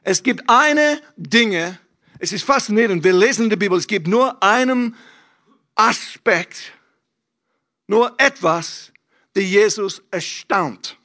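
A man preaching a lively, emphatic sermon from a church stage, using casual slang. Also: high voice, takes it slowly. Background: faint keyboard music.

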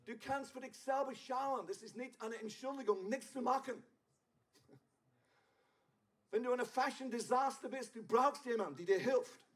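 High-voiced pastor preaching casually. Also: male voice, normal speed, pauses often, breathy edge. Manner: conversational, playful asides with the congregation. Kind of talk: sermon.

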